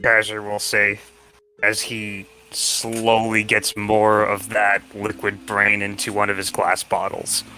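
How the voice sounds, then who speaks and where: Sweary guy playing a tabletop rpg, sharp bright voice, casual, music in back. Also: lowish voice, completely flat delivery, takes it slowly, low-quality recording. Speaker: player in a tabletop roleplaying game. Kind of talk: casual in-game banter. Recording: music behind the voice.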